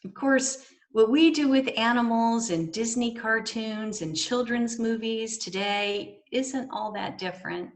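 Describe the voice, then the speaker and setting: A woman minister giving a sermon in a measured, gently wry way. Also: fairly high pitch.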